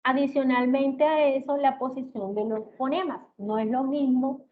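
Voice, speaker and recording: A lecturer in auditory-verbal therapy explains therapy methods in a high-pitched, fairly even voice. She keeps checking in with her listeners using "¿ok?" and "¿sí?" and fills pauses with many "eh" sounds. The recording is tinny and phone-like, with a faint hiss.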